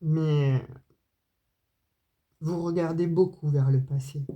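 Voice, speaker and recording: Southern french woman doing a tarot reading to camera, warm mellow voice, chatty, lots of ums. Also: low-pitched, steady tone, slow. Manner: chatty, many hesitations and asides to viewers. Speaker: astrology and tarot reader. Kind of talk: casual spoken card reading to camera.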